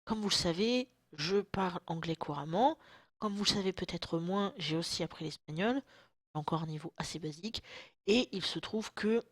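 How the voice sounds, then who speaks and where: A vlogger in her thirties chats to the camera at home, self-mocking and slangy, her throat still sore from a cold and an occasional cough slipping out. Her voice is fairly low, she speaks at a normal speed, and the recording is dry.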